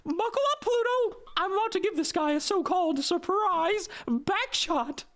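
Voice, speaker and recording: A voice actor putting on a foul-mouthed cartoon mouse with road rage, in a squeaky falsetto, ranting with exasperated sarcasm and drawn-out words. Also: expressive, a bit bright, full character voice. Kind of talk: cartoon character parody.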